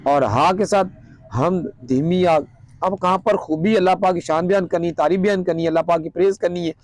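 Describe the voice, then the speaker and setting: A man from Pakistan with a Pakistani Urdu accent, teaching a religious lesson in an earnest, explanatory way and slowly reciting Arabic quotations. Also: sits high, darkish tone, no echo. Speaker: Quran teacher.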